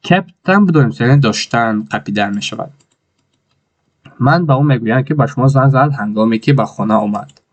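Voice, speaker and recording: Tajik guy teaching english, says phrases slow word by word, keyboard clicks behind. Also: mid-range voice, lo-fi sound. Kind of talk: spoken English lesson.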